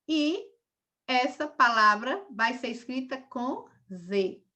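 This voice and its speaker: A primary school teacher records a lesson for young pupils, her slightly high voice bright and forceful with lively intonation. She moves at a slow pace, patiently working through each example step by step.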